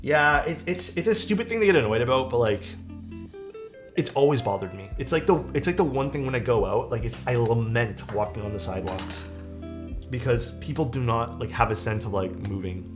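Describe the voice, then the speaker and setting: A man's voice: mid-range voice, animated, fairly quick, music in the background. Rambling man in his thirties venting. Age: 30s. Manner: rambling, venting, frequent fillers and swearing. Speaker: keyboard-building streamer. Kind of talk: casual livestream chat reading viewer comments.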